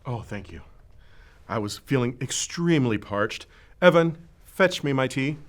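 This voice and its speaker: A grandiose, fussy host figure in a comedy skit, played by a man. His pitch swoops widely as he lays each phrase out with lofty over-deliberation. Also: lively intonation, unhurried, natural voice. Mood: flustered. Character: pompous self-important male advice-show host.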